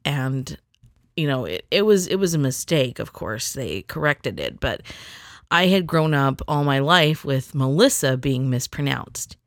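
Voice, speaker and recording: A woman's voice: extremely low pitch, expressive, a little slow, no echo, studio quality. A middle-aged woman telling a rambling personal story in a chatty, casual way, acting out the people she quotes.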